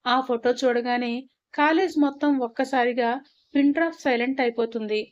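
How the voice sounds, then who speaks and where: A woman narrating a scripted romance story in a steady storytelling manner. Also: high-pitched, normal speed. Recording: dull lo-fi recording.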